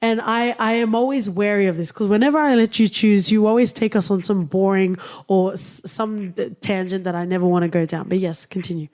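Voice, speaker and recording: A woman's voice: mid-range voice, brisk, hardly any pauses, a little mellow. A woman co-hosting a casual podcast, reviewing a TV series in an opinionated, teasing way. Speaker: podcast co-host.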